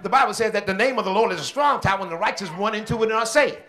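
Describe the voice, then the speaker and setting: High, bright-voiced preaching pastor. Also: male voice, very fast. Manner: call-and-response preaching, shouting bursts then quieter talk. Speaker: senior pastor. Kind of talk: sermon. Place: church.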